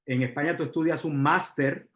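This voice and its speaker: A man from Puerto Rico with a Puerto Rican accent, giving a live university lecture, pausing on fillers and asking the audience questions. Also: on the high side, steady tone, a bit bright. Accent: Puerto Rican Spanish. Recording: roomy, dull lecture recording.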